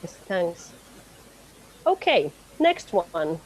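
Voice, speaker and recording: A woman's voice: on the low side, big pitch swings, very slow, slight background noise, rough recording. A woman facilitating an online meeting, friendly and laughing often as she coaxes people to speak. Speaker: session facilitator.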